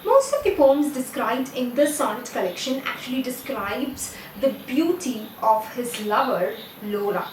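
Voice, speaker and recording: A woman's voice: high voice, expressive, measured pace, hardly any pauses, slight background noise. A woman with an Indian English accent explaining poetry as a lecturer, asking the listener questions and then answering them herself. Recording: roomy echo, distant mic, faint ambience.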